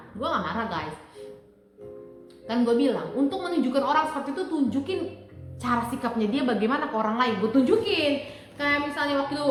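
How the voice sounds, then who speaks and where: Woman, casual advice vlog, animated storyteller, high voice, echoey room. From Indonesia. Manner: chatty, animated, acts out her husband's lines. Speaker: vlogger. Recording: very echoey room with faint music.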